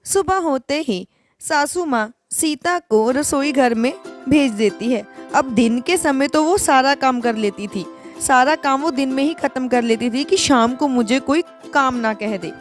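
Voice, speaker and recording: A woman narrating a cartoon story in a plain, even storytelling voice. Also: high-pitched, measured pace, faint music behind.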